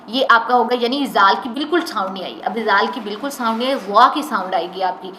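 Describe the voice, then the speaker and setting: A woman teaching a Quran recitation lesson, explaining the rules and slowly modelling the recited words again and again. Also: fairly high pitch, pushed and bright. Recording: echoey room with faint noise.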